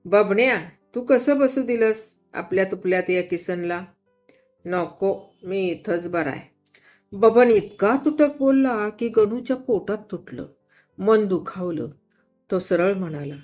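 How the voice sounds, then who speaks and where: A woman storyteller reads a tale with lively expression. She changes pitch and loudness for each character, and a soft guitar plays faintly behind her voice. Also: a little slow. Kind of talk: Marathi story reading.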